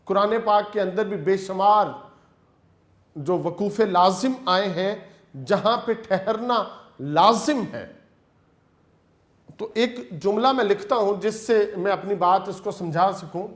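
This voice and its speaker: A man's voice: sits high, pauses often. Guy teaching an online class, patient, walks through it step by step, roomy echoey sound. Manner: patient, explains step by step, calls students "beta". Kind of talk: online lecture. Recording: echoey room.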